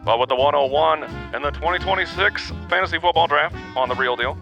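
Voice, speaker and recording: A showy old-timey announcer calls out picks in a grand, gravelly voice, as a man puts him on. The voice sits high. Music plays clearly behind him. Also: a little fast, lo-fi sound. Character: old-timey male draft announcer, theatrical.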